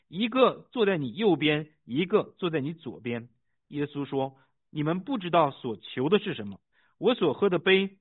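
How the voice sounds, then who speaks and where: A man pastor reading scripture, praying and preaching with fervent emphasis, pausing with fillers as he talks. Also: on the high side. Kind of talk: sermon with scripture reading and prayer. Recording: tinny phone-like sound.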